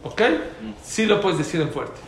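A man's voice: on the high side, animated, moderate pace. A man teaching a religious class. He is emphatic, repeats his key points and answers students' questions directly. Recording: roomy, faint background noise.

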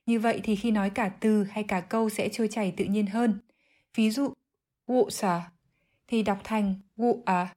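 A woman giving an English vocabulary lesson, explaining clearly and methodically, word by word. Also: medium pitch, steady tone, normal speed, warm tone. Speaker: English teacher.

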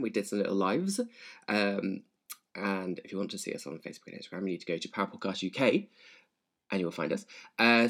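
Lively, sing-song male podcast host. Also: fairly low pitch. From England. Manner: upbeat presenter, drawn-out phrasing. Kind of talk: casual chat.

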